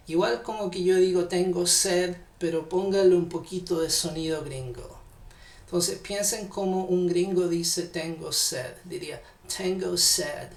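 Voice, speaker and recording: A man with a Chilean accent, teaching an English lesson, speaking patiently and deliberately to his learners. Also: fairly high pitch, creaky, reverberant. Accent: Chilean Spanish. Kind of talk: classroom lesson explanation.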